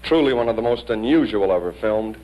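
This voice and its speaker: A man's voice: fairly low pitch, lively intonation, a little fast, dull audio, crowd noise. A man narrating an ominous film warning in a portentous, emphatic announcer style.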